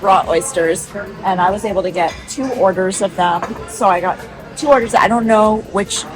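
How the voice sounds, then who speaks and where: A woman's voice: medium pitch, fairly even intonation, moderate pace. Cheerful woman cruise vlogger, casual chat to camera, faint music underneath. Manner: chatty, upbeat, addresses viewers directly. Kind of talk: casual vlog narration. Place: aboard a cruise ship.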